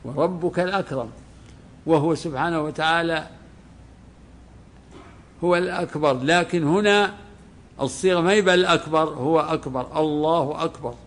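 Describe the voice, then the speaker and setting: A man who is a religious scholar, giving a classroom lesson that explains a legal text, deliberate and repeating phrases as he explains. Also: fairly high pitch.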